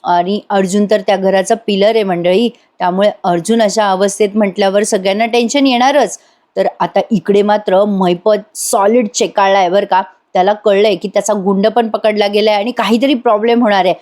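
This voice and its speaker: A woman reviewer retelling a TV serial episode in voice-over, speaking directly to viewers with lively storytelling. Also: medium pitch, fairly quick.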